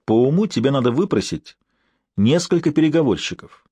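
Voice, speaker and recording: A male narrator voicing a brisk, cheerfully scolding professor and doctor in an audiobook. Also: medium pitch, lively intonation, warm tone, husky, no room sound, voice pushed up.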